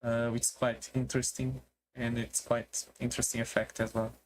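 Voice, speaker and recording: A streamer talking casually in a halting way, with non-native English phrasing, on a solo stream. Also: medium pitch, little pitch movement, a little hiss or hum, poor audio. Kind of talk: casual solo debut stream talk about favourite books and music.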